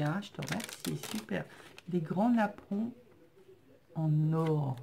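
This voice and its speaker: A woman vlogger chatting casually as she shows off crafts she was sent, thanking viewers warmly and hesitating often as she describes each piece. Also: lowish voice, gravelly. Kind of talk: casual chat unboxing craft mail.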